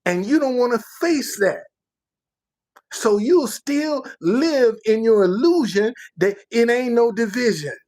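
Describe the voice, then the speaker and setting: Slow, preachy American man ranting. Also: very high voice, lively intonation, a little mellow. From United States. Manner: emphatic, preachy, repeats phrases for effect. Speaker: livestream commentator. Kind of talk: casual ranting monologue.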